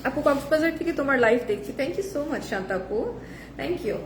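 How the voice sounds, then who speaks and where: A hoarse woman hosting a live selling stream, chatting casually and mixing in English phrases, heard in an echoey room with the mic at a distance. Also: sits high, lively intonation, fairly quick, a little hiss or hum. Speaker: live-sale host.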